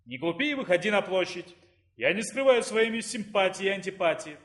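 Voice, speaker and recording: A man reading the part of an imperturbable rector in an audiobook, speaking calmly and firmly. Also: sits high, fairly quick. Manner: calm, unruffled.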